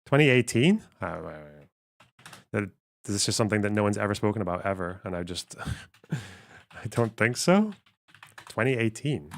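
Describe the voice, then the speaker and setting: A young man with a somewhat low voice, reacting to a debate on stream. He talks bluntly, swears freely and thinks out loud, adding sarcastic asides. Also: sing-song, moderate pace, vocal fry, long pauses. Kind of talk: casual reaction commentary.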